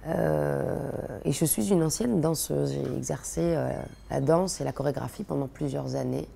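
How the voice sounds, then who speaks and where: A woman in her thirties, born in Belgium, answering interview questions in a relaxed, chatty way with many fillers and restarts. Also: deep voice, moderate pace, vocal fry, slight background noise. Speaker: interviewee, comedian.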